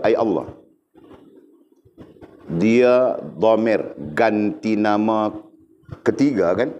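A man's voice: on the low side, darkish tone, a little hiss or hum. A man with a Malay accent giving an informal religious lecture, joking with listeners and asking "right?" often. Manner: conversational, teasing asides to listeners; repeats and checks understanding with "kan?". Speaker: religious teacher.

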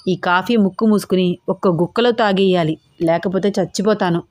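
Woman voicing a brisk teasing young boss. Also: fairly low pitch, darkish tone, lightly acted. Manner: curt, teasing replies.

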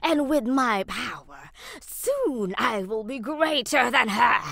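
High, cackling Wicked Witch. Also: very animated, vocal fry, pushed and bright, heavily acted. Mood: gloating. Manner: theatrical, drawn-out taunting, cackles. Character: gloating, menacing wicked witch, mocking and cackling. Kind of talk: family audio drama acting.

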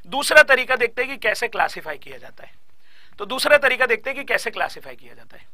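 Bright, dry-voiced Indian lecturer. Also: male voice, very high voice, no room sound. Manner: repeats key points, quizzes students aloud. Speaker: exam-prep lecturer. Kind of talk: live online lecture.

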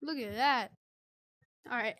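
A woman with a high, light voice gives casual, excitable gameplay commentary, full of slang as she explores a new game. The sound is close and dry, like a headset mic with no room around it. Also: slow, no echo. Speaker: gaming video creator.

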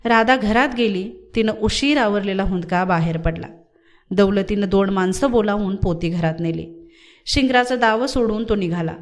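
A woman narrating a novel in an even, storytelling manner. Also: medium pitch, normal speed. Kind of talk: audiobook novel reading.

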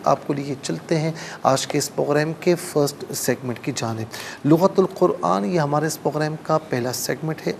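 A man teaching Quran recitation, explaining pronunciation rules and chanting the verses slowly. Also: a little high, vocal fry, a little hiss or hum. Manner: slow melodic recitation between explanations. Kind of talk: recitation lesson.

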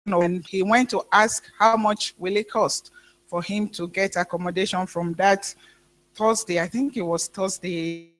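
A woman pastor preaching a sermon, telling a story in a halting way with frequent restarts. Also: medium pitch, fairly even intonation.

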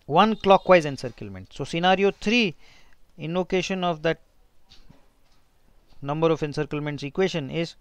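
Male lecturer, North Indian accent, informal think-aloud teaching, crisp voice, dry close sound. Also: a little high, no room sound. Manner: informal, thinking aloud, mixing in Hindi asides. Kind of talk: technical lecture with handwritten working.

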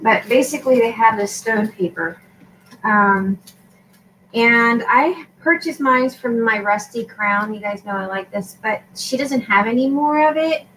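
A woman's voice: fairly high pitch, measured pace, a bit bright, distant mic, slight background noise, rough recording. A woman vlogger chatting casually as she shows craft supplies in a tutorial for her shop, rambling with lots of fillers.

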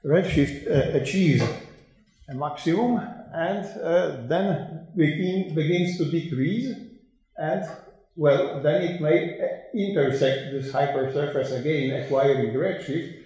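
An older man giving an academic conference lecture, slow and hesitant with many fillers and restarts, in a dark lecture room. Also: mid-range voice, heavy reverb, low-quality recording. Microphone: room microphone.

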